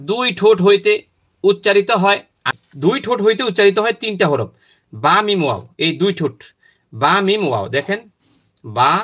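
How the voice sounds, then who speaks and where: A man leads a step-by-step pronunciation lesson. His voice sits high and sounds bright and forceful. He says each sound slowly and repeats it over and over. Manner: repetitive, demonstrating sounds slowly and often. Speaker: teacher.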